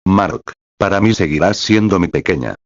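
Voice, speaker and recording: A man reading the lines of a weary, guarded young human hero in a slow, plain way. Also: sits low, animated, dry recording, dull audio.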